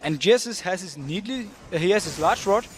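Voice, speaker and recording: A man's voice: high-pitched, animated, a little fast, a little hiss or hum. A man giving analytical color commentary on an esports match, explaining the teams' strategy.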